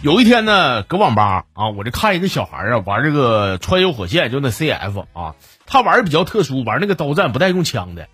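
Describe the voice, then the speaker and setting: A man's voice: medium pitch, sing-song, quick pace, fairly bright tone, soft background music. A man telling jokes and funny stories in a chatty, playful way. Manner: chatty, playful, laughs at his own punchlines. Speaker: comedy joke teller.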